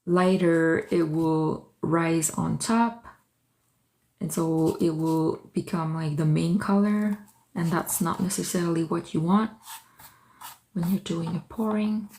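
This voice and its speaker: Her voice is fairly low and mellow, and she speaks slowly as she paints on a livestream from her art studio. She's a woman whose first language is French, chatting casually, greeting viewers by name and thinking aloud.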